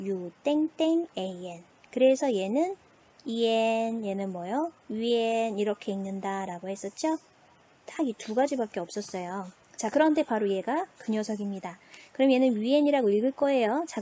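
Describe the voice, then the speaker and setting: A woman's voice: mid-range voice, mellow. A woman teaching an online language lesson, patiently asking questions and answering them herself. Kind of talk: online classroom lecture.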